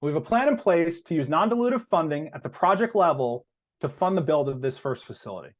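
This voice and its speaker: A company executive, played by a man, addresses investors in a voice that sits a touch high and moves very animatedly. His delivery is measured, with stress landing on the key terms.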